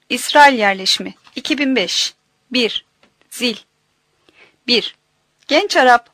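A woman narrating an audiobook in a measured, careful way, minding each pronunciation. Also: high voice, fairly bright tone, dry recording.

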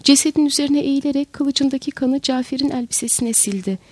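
A woman reading a historical novel aloud as narrator, in steady storytelling. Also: high-pitched, a little fast, no room sound. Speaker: audiobook narrator. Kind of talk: scripted narration.

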